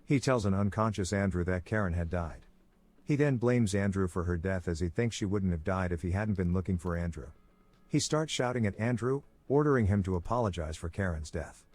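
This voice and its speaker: A man giving a scripted narration, with a steady, even storytelling delivery. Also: low-pitched, fairly quick. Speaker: movie recap narrator.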